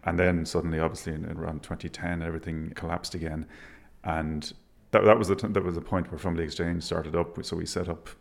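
Gravelly low-voiced man, west of Ireland accent. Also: level tone, fast. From Galway, west of Ireland. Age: middle-aged. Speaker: interview guest, architect. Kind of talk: reflective interview talk.

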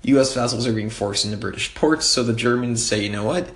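A man's voice: mid-range voice, fairly even intonation, brisk, a bit bright, reverberant. A man giving a casual history lecture, talking loosely with many fillers and wry asides. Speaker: history tutor.

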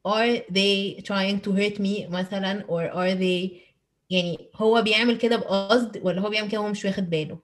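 A woman with an Egyptian accent who switches between Arabic and English mid-sentence, posing questions in a casual, reflective discussion. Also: mid-range voice. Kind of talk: casual reflective group chat.

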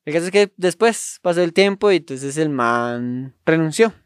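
Colombian guy rambling thru a story on a podcast, kinda high voice, lots of slang and laughs, dry close mic. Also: lively intonation, normal speed, clear, resonant tone, no room sound. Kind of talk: casual chat.

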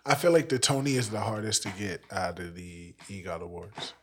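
A podcast host running a loose interview and trading jokes with the guest. The delivery is animated, with mock-dramatic complaints. The chat is easy and unscripted. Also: low voice, moderate pace.

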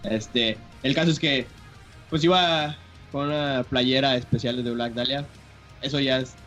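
A young man with a Mexican accent telling a story to friends in casual, slangy chat, excited and swearing freely. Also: medium pitch, unhurried, faint music behind. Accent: Mexican Spanish.

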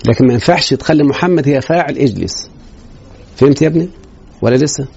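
A man's voice: mid-range voice, quick pace, creaky, darkish tone, breathy edge. A man with an Egyptian Arabic accent teaching a grammar lesson in a classroom, quizzing students with rhetorical questions. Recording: dull lo-fi recording.

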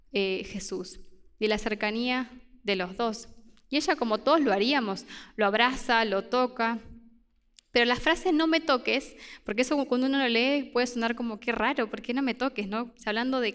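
A woman's voice: fairly high pitch, a bit bright, smooth. A woman preaching a sermon, paraphrasing scripture in a reflective way with frequent restarts.

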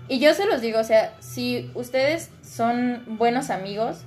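A young Mexican woman gives earnest advice in casual podcast talk, mixing in everyday slang. Her voice is a little high, with faint music behind her. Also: animated, a little slow, a little mellow. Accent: Mexican Spanish.

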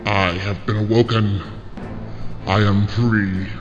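A man voicing a proud, menacing ancient demon who speaks in slow, grandiose declarations. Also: on the low side, flat delivery. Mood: imperious. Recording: dull lo-fi with long reverb and music.

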